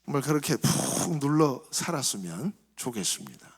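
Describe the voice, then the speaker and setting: A male pastor giving a sermon in a reflective, soft-spoken way, his phrases trailing off quieter. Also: mid-range voice, big pitch swings, normal speed, husky. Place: church sanctuary. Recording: reverberant church hall.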